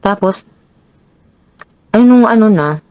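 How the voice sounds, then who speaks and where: A woman telling her own troubled story as a guest, hesitant and halting with many restarts. Her pitch jumps up sharply when she relives an argument. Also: lively intonation, no echo, muffled recording. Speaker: guest sharing a personal story. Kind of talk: confessional personal storytelling.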